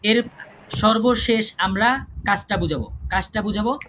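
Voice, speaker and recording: Male tajweed teacher, high voice, drills terms over a noisy call line. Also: unhurried. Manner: repetitive drilling, rhetorical questions to students. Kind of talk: online class lecture. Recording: noisy online class audio.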